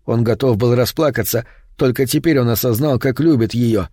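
Male audiobook narrator, dark mellow voice, horror reading. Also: medium pitch, no echo, studio quality. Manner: steady, measured storytelling.

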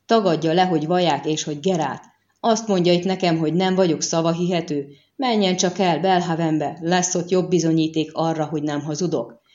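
A woman's voice: deep voice, steady tone, a little mellow, lo-fi sound, close to an everyday voice. A woman reading an audiobook and voicing a coarse, defiant young female bandit who swears and accuses. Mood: angry.

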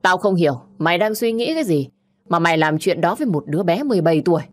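A woman narrator voicing a stern, hoarse elderly grandfather who scolds loudly and barks orders. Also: lowish voice, animated, fast. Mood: furious.

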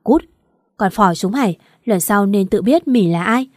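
A proud young wife with a cold, cutting delivery, as a woman narrator gives her voice. The tone is dark and mellow, dry and close. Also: medium pitch, expressive, a little slow, no echo.

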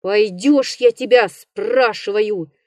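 A brusque young hunter barking orders with impatient resolve, as a woman reads him. The voice is low-toned and mellow, paced slowly, in a dry close recording. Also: dry recording, lightly acted. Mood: urgent. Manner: curt, commanding, irritable. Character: bold, gruff young male hunter.

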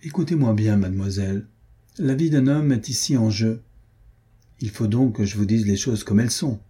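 A man voicing a cunning baron who bargains coolly, measured and calculating, in a storybook reading. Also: fairly low pitch, mellow, husky. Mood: scheming.

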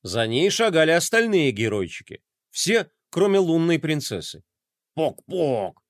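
A man narrating a children's audiobook in an expressive, lively way. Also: a little high, normal speed, no room sound, studio quality. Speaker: storyteller.

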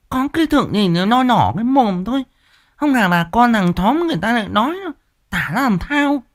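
A man voicing a sharp-tongued village wife in a high, nagging, mocking voice.

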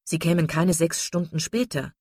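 A woman voicing a charming young gentleman in a read-aloud novel, sly and scoffing. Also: low voice, steady tone, normal speed, husky, no echo, studio quality. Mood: mocking.

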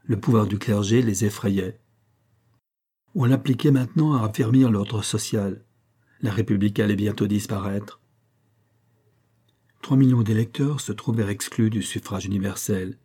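A man narrating a classic novel as an audiobook, in a steady literary reading. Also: fairly low pitch, moderate pace, long pauses, breathy edge. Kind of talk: scripted narration.

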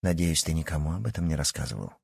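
Man voicing a hushed secretive young woman. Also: animated, fast talker, creaky, slightly rough, dry recording, studio quality, exaggerated voice. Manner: low, hushed, conspiratorial. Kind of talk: audiobook character reading.

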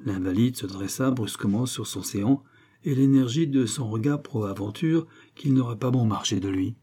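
A man narrating a classic novel in a measured, dramatic reading. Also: medium pitch, mellow, slightly rough. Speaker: audiobook narrator.

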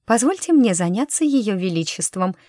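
A woman's voice: medium pitch, very animated, moderate pace, darkish tone, dry recording. A woman voicing a sly, bold young woman commander in an audiobook, pushy and mocking. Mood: insistent.

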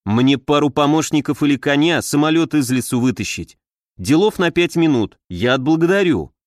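A man's voice: fairly high pitch, expressive, normal speed, no echo, clean studio sound, lightly acted. Man playing a brash young pilot lieutenant. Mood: blunt. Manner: blunt, colloquial.

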